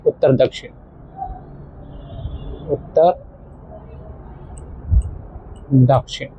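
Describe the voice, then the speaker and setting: A male teacher explaining a textbook lesson to children, slowly repeating words for emphasis. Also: on the high side, warm tone, slightly rough. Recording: tinny phone-like audio.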